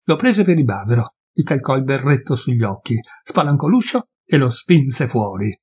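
Husky male audiobook reader. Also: medium pitch, big pitch swings, darkish tone. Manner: measured storytelling. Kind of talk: literary narration.

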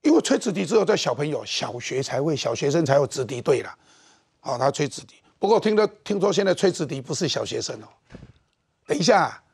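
A middle-aged man with a Taiwanese Mandarin accent, hosting a political talk show with animated, mocking commentary. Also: on the high side, fairly quick, vocal fry, husky.

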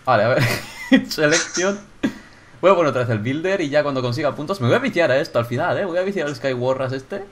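Excitable gamer narrating his game. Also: fairly high pitch, quick pace, noisy background. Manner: excitable, swears, shouts when startled. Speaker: gaming YouTuber. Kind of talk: casual gameplay commentary.

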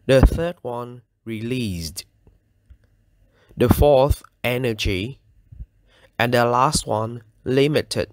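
A man's voice: mid-range voice, no room sound. A man with a Vietnamese accent and a mid-range voice talks through a classroom exercise. He moves back and forth between English and Vietnamese, and the recording is dry and close. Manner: mixes English instructions with Vietnamese explanation. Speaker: English teacher.

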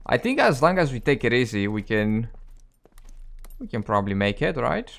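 A gaming channel host with a medium-pitched, sing-song, gravelly voice and a fairly bright tone talks at a moderate pace over his survival gameplay. His tired voice is cracking and going hoarse as he chats casually with viewers and jokes about his own mistakes.

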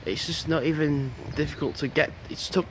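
Young man, fairly high voice, rambling walk-and-talk vlog, faint street hum behind. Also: fairly even intonation, brisk, poor audio. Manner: rambling, chatty, talks to the camera while walking. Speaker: vlogger. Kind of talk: casual walking vlog. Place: outdoors on a quiet street before dawn.

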